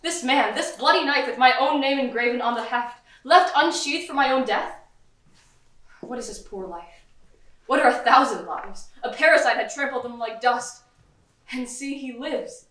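Woman playing a proud young noble lady on trial, high voice, fierce pleading, echoey stage far off. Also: normal speed, a bit bright. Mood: impassioned. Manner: impassioned and pleading. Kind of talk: stage acting in a live play. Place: theatre stage.

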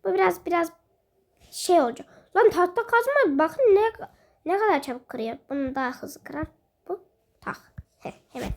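A woman's voice: very high voice, lively intonation, moderate pace, pauses often. A woman giving casual let's-play commentary, chatty and self-mocking, often exclaiming at the game. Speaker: gaming video host.

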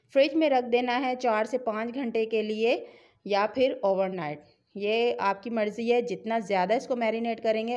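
A woman's voice: fairly high pitch, a little mellow. Chatty Pakistani woman teaching a recipe. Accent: Pakistani Urdu. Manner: chatty, instructive, encouraging viewers to try the recipe. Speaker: cooking channel host. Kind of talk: home cooking tutorial voice-over.

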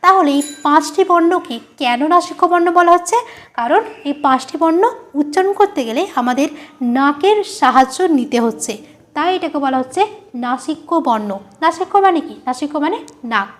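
A woman teaching a grammar lesson, speaking patiently and asking quick questions to the student before answering them herself. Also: sits high, expressive. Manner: patient, explains by repeating and quizzing the listener.

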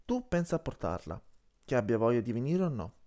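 A man's voice: medium pitch, very animated, fairly quick, warm tone, close to an everyday voice. A man voicing a large, stern she-wolf in an audiobook, giving orders in a growling, tired tone. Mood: weary. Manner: growling, commanding. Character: big stern she-wolf, weary enforcer.

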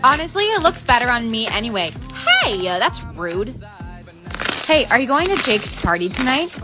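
A woman's voice: on the high side, big pitch swings, normal speed, over loud music. A woman voicing a bratty, teasing teenage girl in a POV skit. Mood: snarky. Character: bratty teenage sister and friends.

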